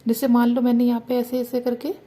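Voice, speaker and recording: A woman's voice: a little high, completely flat delivery, brisk, dark tone. A woman teaching parents the Hindi alphabet, asking questions and answering them herself, stretching out the vowel sounds.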